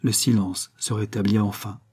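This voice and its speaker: Guy reading an old tale aloud, measured and dramatic, husky warm voice. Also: on the low side, steady tone. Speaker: narrator. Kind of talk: audiobook reading of a classic tale.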